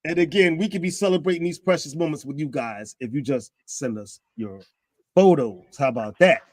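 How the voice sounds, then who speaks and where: A man in his fifties hosting a casual talk show, animated, his pitch climbing when he gets excited. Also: brisk. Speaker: podcast host.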